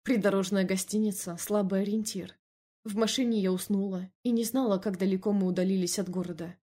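A woman narrating a first-person novel in an even, measured reading voice. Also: medium pitch. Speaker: audiobook narrator.

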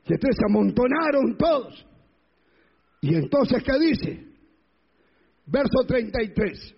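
A man's voice: very high voice, very animated, slow pace, creaky, breathy edge, long reverb tail, highs cut off. A male pastor preaching a sermon, retelling scripture and acting out the crowds, often questioning his congregation.

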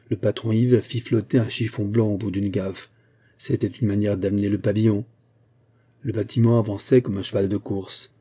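A male audiobook narrator reads a classic novel in a steady, measured way. His voice is low and very dark, with a husky, slightly rough texture. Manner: measured, even storytelling.

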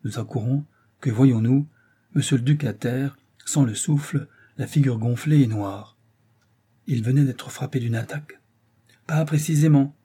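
A frightened old valet frets over his stricken master in a husky, raised voice. A man acts him out in a storybook reading, the tone mellow and soft-edged. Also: mid-range voice, measured pace. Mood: distressed. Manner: agitated, fretful telling. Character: old distressed male servant of a duke.

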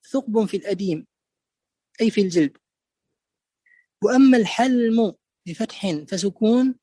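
A man teaching a classical text, explaining it word by word in a deliberate lecture style and repeating key words to stress them. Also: high voice, darkish tone, dry recording.

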